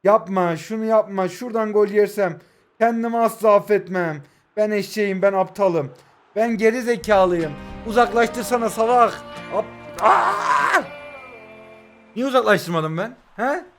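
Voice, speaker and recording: A man in his twenties from Turkey, commentating his own football video game match, yelling at his players one moment and muttering the next. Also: sits high, normal speed, soft background music. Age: 20s. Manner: loud swings between shouting at players and muttering. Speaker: mobile football gaming YouTuber. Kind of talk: excitable live gameplay commentary.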